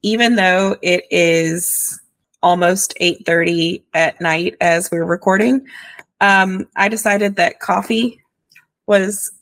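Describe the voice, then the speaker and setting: A woman's voice: fairly low pitch, steady tone, takes it slowly, a bit bright, no echo. A woman co-hosting a podcast in casual chat, congested from a summer cold, chatty and teasing. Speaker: podcast co-host. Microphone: remote call.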